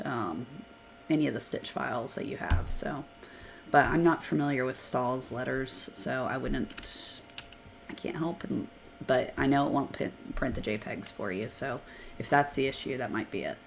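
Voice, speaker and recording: A sick woman whose hoarse voice sits very low and gravelly hosts a live software Q&A. She talks casually and thinks aloud as she clicks through screens, over a faint hiss from a computer mic. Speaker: software trainer hosting a live Q&A.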